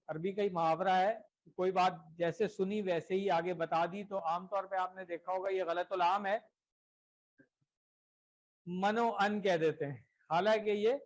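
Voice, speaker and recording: High-pitched encouraging male classroom teacher. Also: rough recording. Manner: encouraging, repeats "theek hai" checks often. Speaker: Arabic teacher. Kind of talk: classroom lesson.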